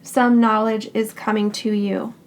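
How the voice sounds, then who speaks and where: A tarot card reader gives a pick-a-card reading in a medium-pitched voice that's raspy, hoarse and scratchy because she's getting over a cold. She stays calm and reassuring, speaking in short, unhurried phrases.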